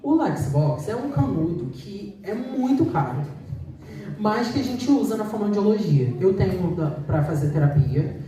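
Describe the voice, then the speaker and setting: A woman's voice: medium pitch, very animated, measured pace, dark tone. A woman speech therapist giving a choir an informal, practical talk on voice exercises, explaining in a conversational way. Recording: echoey room, voice from a distance.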